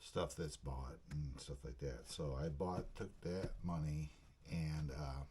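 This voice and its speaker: A man hosts a casual unboxing vlog, chatting in a plain, folksy way while handling items. His voice rumbles low and dark, with a steady tone and an unhurried pace. The recording is clearly noisy, with clicks.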